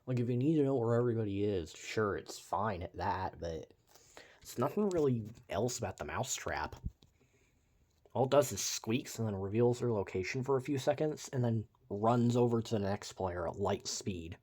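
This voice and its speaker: Young male reviewer with a lower voice, talking loosely over gameplay, with wry asides. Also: expressive, moderate pace, a little mellow. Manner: rambling, uses many fillers like "like" and "uh"; wry, mildly sarcastic asides. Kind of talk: casual game commentary over gameplay.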